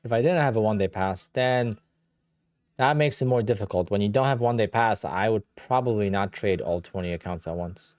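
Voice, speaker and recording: Clean studio sound with no echo captures a man whose lowish, darkish voice moves at a moderate pace. He is from Poland, speaks Polish as his first language with a Polish accent, and hosts a casual livestream, answering viewer questions in a blunt, offhand manner.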